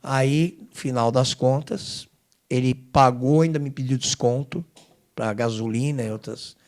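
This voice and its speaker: A middle-aged man, a guest singer giving an emotional testimony, swinging between loud emphasis and hushed low asides.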